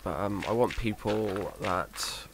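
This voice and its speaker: This Minecraft let's player speaks slowly in a fairly low voice, hesitant and self-deprecating as he wanders through relaxed commentary on his game. He describes himself as monotone, and there's noise in his home recording.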